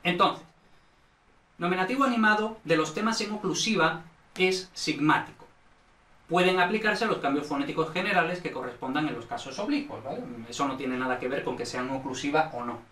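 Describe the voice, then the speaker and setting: A man's voice: fairly high pitch, expressive, brisk, pushed and bright, reverberant, distant mic. A man from Spain, explaining Latin grammar in a recorded online lesson, often checking in with short tag questions. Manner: explanatory, frequent checks with "¿vale?" and "¿no?". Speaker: Latin teacher.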